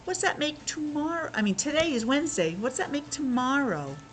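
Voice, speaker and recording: A woman with a high, expressive voice talks a little fast as she teaches young children, playful and exclamatory, asking questions and sounding out words. She's a preschool teacher giving an interactive lesson, and the recording carries a faint hiss or hum.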